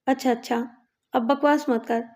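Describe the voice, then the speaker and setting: A commanding woman inmate who gives orders and advice, as a woman storyteller puts her on. Her voice is a bit high and mellow. She speaks firmly and sure of herself. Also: steady tone, lightly acted. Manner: firm, commanding. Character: bossy but caring older woman inmate.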